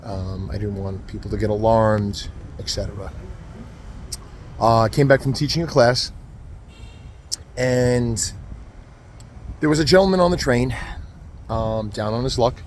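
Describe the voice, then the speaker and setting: A man who teaches martial arts, telling a story to camera in an earnest, halting way, full of ums and uhs, at a train station. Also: on the low side, darkish tone, slight background noise.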